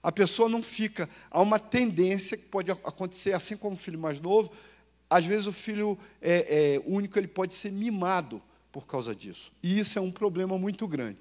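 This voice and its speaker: A Brazilian pastor delivers a sermon to his congregation in a high voice. He tells homely stories and throws questions to the pews, swinging from loud bursts to hushed asides. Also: normal speed. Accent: Brazilian Portuguese. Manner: storytelling, lively swings between loud and hushed. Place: church.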